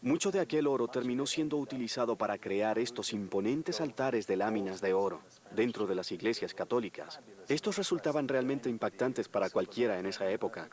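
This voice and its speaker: A man's voice: on the low side, expressive, brisk, darkish tone. A man giving scripted commentary as a historian in a documentary. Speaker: historian, interview guest.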